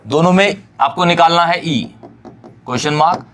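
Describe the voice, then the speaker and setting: A male chemistry teacher giving an exam-prep lecture, often checking that students follow and repeating key phrases slowly for them to note down. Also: on the high side, a bit bright. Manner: keeps checking understanding, addresses students fondly.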